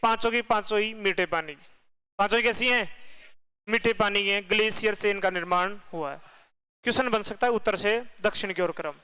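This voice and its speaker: High bright-voiced male teacher. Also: brisk, clear, resonant tone, poor audio. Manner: quizzes students with repeated questions and answers. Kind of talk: classroom geography lesson.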